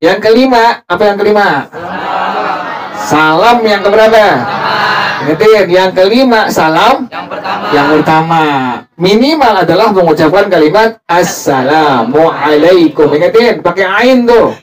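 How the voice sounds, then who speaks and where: A man with a high voice teaches a study group at an evening gathering. He speaks slowly, drills each point and keeps asking his listeners questions. The mic sits well away from him, and the gathered group can be heard clearly. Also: animated, crowd noise. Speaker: religious teacher. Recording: distant mic with a group audible.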